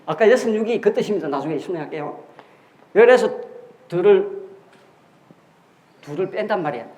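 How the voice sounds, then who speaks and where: A man's voice: high-pitched, animated, normal speed, a little mellow. A man giving a classroom lecture on history and characters, explaining step by step with rhetorical questions and repeated key words. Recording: echoey room.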